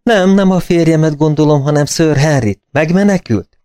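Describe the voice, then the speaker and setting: A man reading aloud gives a distressed young woman with a raised, strained pitch. She speaks in pleading, urgent bursts. The recording is dry and close. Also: a little mellow, clear, resonant tone, dry recording, close to an everyday voice. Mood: anxious.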